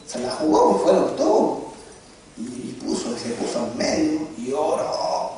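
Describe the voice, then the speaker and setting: High-voiced preacher in echoing hall. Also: male voice, unhurried. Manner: animated, joking, asks the audience questions. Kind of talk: sermon storytelling. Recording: very echoey hall, distant mic.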